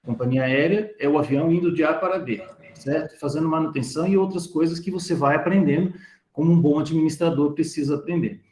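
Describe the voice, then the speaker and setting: Man, professor guest, casual online talk, acts out quotes, somewhat high voice, echoey room on a call. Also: fast talker, warm tone. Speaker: biology professor, guest speaker. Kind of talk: conversational talk in an online live session.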